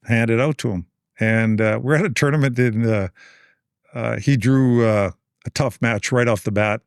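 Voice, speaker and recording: Canadian guy in his 60s, gravelly voice, dry close sound, tells stories and does other people's lines. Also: medium pitch, normal speed, dry recording. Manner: animated anecdotes, acts out others' lines. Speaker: guest. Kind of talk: casual storytelling interview.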